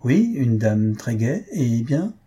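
A man's voice: mid-range voice, very animated, slow pace, dark tone, slightly rough, full character voice. A man reading aloud and voicing a bewildered, bawdy old male scholar who talks in a puzzled, matter-of-fact way.

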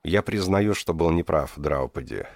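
A man voicing a proud, commanding prince who speaks in a measured, authoritative way. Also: extremely low pitch, expressive, dry recording, clean studio sound, full character voice.

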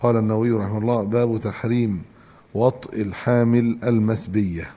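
A man with an Egyptian Arabic accent giving a religious lesson, reading a text aloud and explaining it in a measured way. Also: lowish voice, fairly even intonation, mellow, long reverb tail. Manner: measured, explanatory, restarts to correct himself. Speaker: Islamic scholar teaching hadith.

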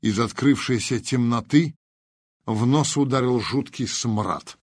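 Male audiobook narrator, mid-pitched, husky, measured dramatic reading. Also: dry recording, studio quality.

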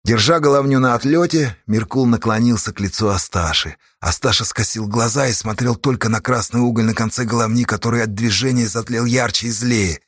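Husky male audiobook narrator. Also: medium pitch, fairly quick, hardly any pauses, no echo, clean studio sound. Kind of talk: dramatic audiobook reading.

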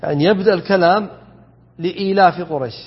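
A man's voice: high voice, quick pace, breathy edge. A man giving a classroom lesson on Quran commentary, explaining points and asking his students questions. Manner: explanatory, asks students questions, corrects himself mid-word. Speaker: sheikh teaching Quran commentary. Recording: dull lo-fi sound with long hall reverb.

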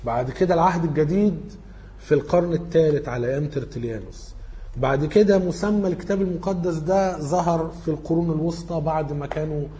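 Here a man's slightly high, mellow voice moves at a quick pace over a little hiss or hum. Speaking with an Egyptian Arabic accent, he leads an informal lecture, going through study questions and correcting himself while thinking aloud.

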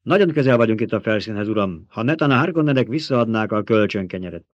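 A man voicing a steady, dutiful male soldier who speaks respectfully and in measured words, in a dull lo-fi audiobook recording. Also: fairly low pitch, dry recording, close to an everyday voice.

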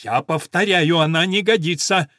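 A man's voice: fairly high pitch, normal speed, bright, forceful tone, dry recording, clean studio sound. A man voicing a curt, mocking English horse buyer in a storybook reading. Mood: insistent. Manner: curt, insistent.

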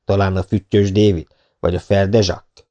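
A man's voice: low-pitched, flat delivery, dark tone, dull audio, natural voice. A man reading an audiobook, voicing a friendly, polite middle-aged burglar with a courteous, chatty manner. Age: 40s. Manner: courteous, chatty, self-deprecating. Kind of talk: audiobook character voice.

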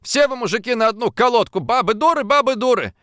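A man voicing a sharp-tongued young factory girl. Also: sits high, big pitch swings, normal speed, dry recording, clean studio sound, pitched above the performer's own voice, heavily acted. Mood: indignant scolding. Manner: scolding, mocking, teasing. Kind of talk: audiobook character voice.

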